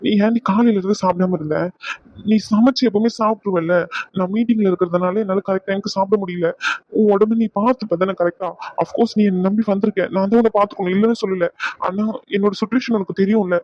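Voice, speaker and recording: A man voicing a gentle, apologetic young husband in a cartoon, soothing and remorseful. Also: sits high, steady tone, fast, no echo, dull audio. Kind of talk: cartoon voice acting.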